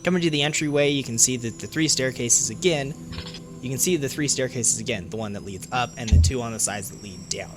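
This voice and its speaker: A young man narrating a tabletop game as its game master, laying out rooms and paths with frequent "uh"s and restarts. His voice sits at a middling pitch, with music playing behind him. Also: a little fast. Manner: descriptive narration with fillers and restarts, laughs easily.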